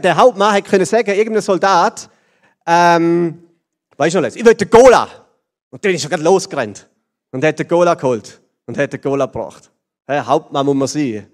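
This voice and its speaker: A man with a Swiss German accent giving a playful, animated children's sermon, talking straight to the kids. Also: a little high. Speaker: preacher. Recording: long reverb of a large hall.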